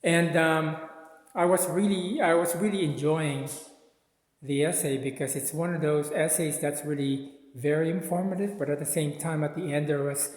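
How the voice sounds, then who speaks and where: A chatty man of about sixty from the Philippines, a native Tagalog speaker, hosts an art channel with a casual gallery walkthrough vlog, starting on a city street and moving into a gallery. His fairly high, husky voice is raised, at normal speed with fairly even intonation, slightly stuffy from his sinuses, and he rambles with frequent "um" and "uh." The recording is rough.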